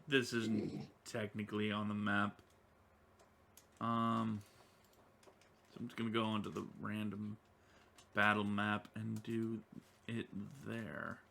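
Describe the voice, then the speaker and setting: A man narrating a tabletop game as game master, rambling and correcting himself as he goes. His voice is gravelly and bright, and he talks slowly. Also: on the low side, flat delivery, a little hiss or hum. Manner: rambling, with many ums and self-corrections.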